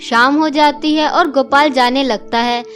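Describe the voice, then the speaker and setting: A woman reads the narration of a cartoon story in an even, storytelling manner. Her voice is high. Soft music plays faintly beneath her. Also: a little slow.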